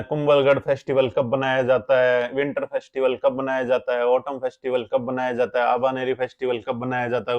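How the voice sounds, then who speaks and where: A man teaching a current affairs lesson for exam students, explaining step by step and often asking questions before answering them himself. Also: mid-range voice. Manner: explains step by step, keeps asking rhetorical questions and checking with "theek hai?".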